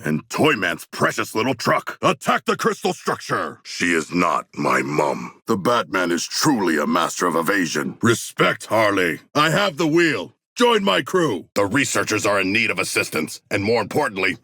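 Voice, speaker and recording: A man voicing King Shark, a hulking, proud, literal-minded shark-man in a video game, with a deep gravelly voice and stilted, grandiose formal diction. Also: sing-song, normal speed, few pauses, bright, forceful tone, no room sound, clean studio sound, heavily acted. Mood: resolute. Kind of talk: video game character voice lines.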